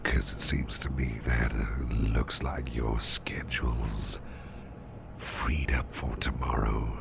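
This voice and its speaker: Playing a fussing, protective boss who soothes an exhausted employee, a man delivers a close-attention ASMR roleplay in a very deep, gravelly half-whisper. His exaggerated voice moves slowly with little pitch change, offering caring advice through hesitant, repeated phrases. The close recording has loud background noise.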